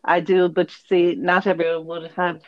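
A woman's voice: lowish voice, little pitch movement, moderate pace, phone-quality sound, background noise. A woman, asking questions in a casual, conversational interview.

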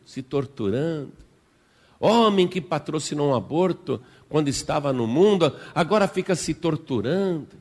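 A man's voice: a little high, darkish tone, long reverb tail. A male pastor preaching a sermon emphatically and repetitively, with vivid storytelling.

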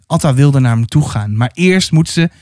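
A man reading a children's adventure book aloud in an expressive storytelling manner. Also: mid-range voice, normal speed, no room sound, studio quality. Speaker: storybook reader.

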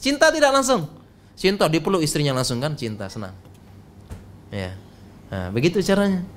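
A man preaching a conversational sermon at a gathering, joking and quizzing his listeners with questions. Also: medium pitch. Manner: lively, quizzes the audience with questions. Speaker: Islamic preacher.

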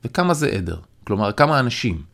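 A man's voice: mid-range voice, very animated, fairly bright tone, voice pushed up. A man voicing a curious, encouraging male friend who teases and laughs easily, in an audiobook. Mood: probing. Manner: encouraging, teasing, quick to laugh. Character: warm, curious, joking adult male friend. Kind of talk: audiobook character voice.

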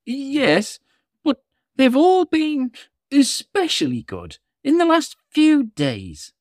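A man's voice: very high voice, huge pitch swings, takes it slowly, dry recording, studio quality, pitched above the performer's own voice, exaggerated voice. A man voicing a fussy little old male elf in a bedtime story. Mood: eager.

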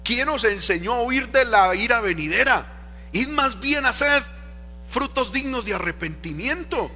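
A man's voice: extremely high pitch, lively intonation, measured pace, pushed and bright. A man preaching a sermon as pastor, emphatic, with rhetorical questions to the congregation. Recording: long reverb of a church hall. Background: faint music.

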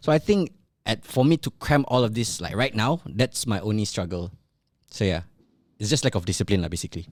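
A man in his thirties hosting a casual podcast chat with friends. He talks in a relaxed, reflective way and often trails off. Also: on the low side, fairly quick, no room sound. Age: 30s. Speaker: podcast host.

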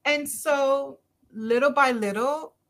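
Her voice sits high and a bit bright, and she speaks slowly: a middle-aged Barbadian doctor giving a conversational podcast interview. She is earnest and emphatic, repeating her key phrases for effect.

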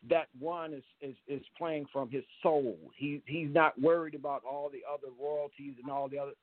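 A man's voice: fairly high pitch, steady tone, moderate pace, dry recording. A man calling in, talking earnestly and repeating words as he restarts his sentences. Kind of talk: earnest call-in commentary. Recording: tinny phone-like line, dry.

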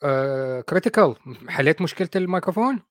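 A man's voice: a little high, lively intonation, fast talker, dry recording, studio quality. A man moderating a casual online discussion, joking and apologetic.

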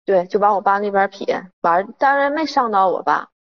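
Brief: scared female caller, hesitant and halting, dull phone line. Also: medium pitch, animated, dry recording. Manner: hesitant, halting, many restarts. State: frightened.

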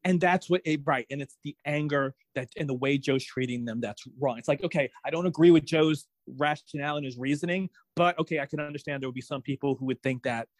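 Man, fairly high voice, heated fan recap, dry close sound, lots of restarts. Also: quick pace, hardly any pauses, no echo, rough recording. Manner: animated, exasperated ranting with many restarts. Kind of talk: casual TV recap chat.

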